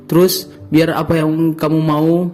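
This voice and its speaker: A man's voice: a little high, flat delivery, unhurried, darkish tone, faint music behind. A young man with a Manado Malay accent, a guest telling his personal story in an interview. He talks in a storytelling way, acting out quoted dialogue, with frequent restarts. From North Sulawesi, Indonesia. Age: young adult. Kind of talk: personal testimony in conversation.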